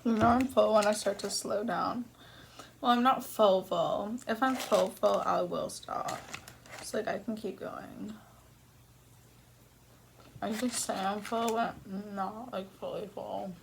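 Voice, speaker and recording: A woman's voice: mid-range voice, fairly even intonation, takes it slowly, creaky, long pauses, background noise. A young woman vlogger talking casually between bites in an eating video, rambling, self-deprecating and casually sweary. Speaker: mukbang vlogger.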